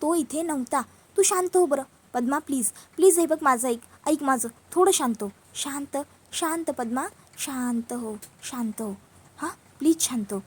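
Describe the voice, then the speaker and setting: A woman's voice: high voice, moderate pace, close to an everyday voice. A woman voicing a protective young woman who soothes and reassures a frightened sister figure. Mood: soothing. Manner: soothing, reassuring, repeats comfort.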